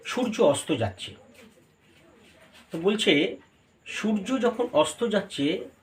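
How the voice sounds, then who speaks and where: A man giving a devotional sermon, explaining and slowly chanting scripture verses. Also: high-pitched, sing-song, a little hiss or hum. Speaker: preacher.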